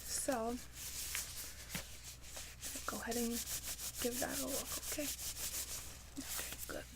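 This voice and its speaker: A woman doing an ASMR role-play as a caring nurse, with a gentle, reassuring bedside manner. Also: a little high, fairly even intonation, slow pace, vocal fry, heavy background noise. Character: caring, attentive female nurse. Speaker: ASMR performer playing a nurse.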